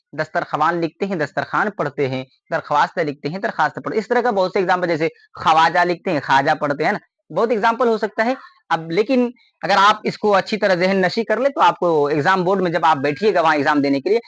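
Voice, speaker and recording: A man's voice: high voice, a bit bright, no echo. A man teaching a grammar lesson, often repeating a question to his students and then answering it.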